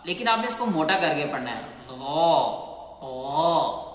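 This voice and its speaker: A man teaching Qur'anic letter pronunciation in a patient, step-by-step way, repeating sounds and slowly drawing out each letter. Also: sits high, very animated, a bit bright. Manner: slow, clear, repeats sounds and drawn-out chanted letters. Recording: echoey room with long reverb.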